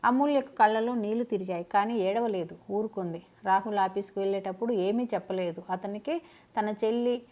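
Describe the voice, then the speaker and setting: A woman storyteller reads a family drama aloud in a scripted narration. Her telling is steady and dramatic, with a voice of ordinary pitch for a woman. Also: brisk.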